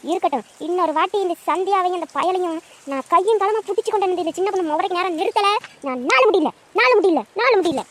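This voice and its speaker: A woman's voice: high-pitched, very fast, natural voice. A woman doing a nosy, scolding aunt. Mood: indignant. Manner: suspicious, interrogating. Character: nosy scolding middle-aged village aunt.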